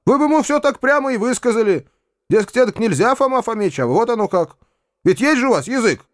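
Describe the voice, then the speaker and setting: An earnest young gentleman, as a male reader voices him, pressing his questions with lively rises and falls. The sound is close and dry. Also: mid-range voice, moderate pace, no echo, natural voice. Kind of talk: audiobook character voice.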